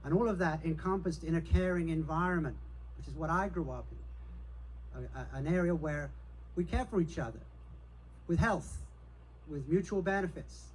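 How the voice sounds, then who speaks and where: A man's voice: on the high side, normal speed, long pauses, a little hiss or hum, poor audio. Confident, personable candidate, a man. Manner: confident, personable, self-assured. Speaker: city council candidate. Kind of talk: campaign speech.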